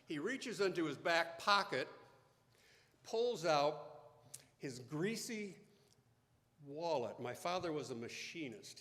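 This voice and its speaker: A man in his fifties telling a personal story in a sermon, slow and deliberate, growing hushed at tender moments. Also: a little high. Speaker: pastor. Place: church sanctuary. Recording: echoey church hall.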